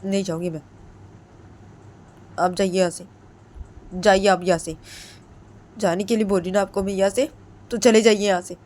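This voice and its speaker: A woman's voice: medium pitch, level tone, a little slow, vocal fry, pauses often, darkish tone, slightly rough, pitched above the performer's own voice. A woman voicing a young woman who pleads and refuses, repeating her requests. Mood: firm.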